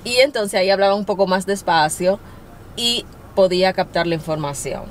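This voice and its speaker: A woman's voice: mid-range voice, normal speed, slight background noise. A young adult woman giving casual, encouraging language-learning tips as a vlogger, often laughing as she talks. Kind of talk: casual to-camera advice talk.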